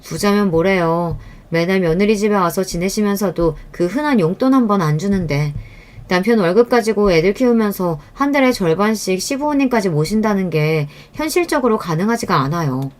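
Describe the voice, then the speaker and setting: A woman's voice: medium pitch, expressive, fairly quick. A woman narrating a first-person true-life story in a confiding manner.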